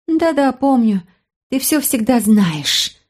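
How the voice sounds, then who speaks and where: A woman voicing a defiant, sharp-tongued pregnant teenage girl who snaps back at her brother, in an audiobook. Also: sits high, sing-song, normal speed, voice pushed up. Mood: indignant. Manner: indignant, snapping.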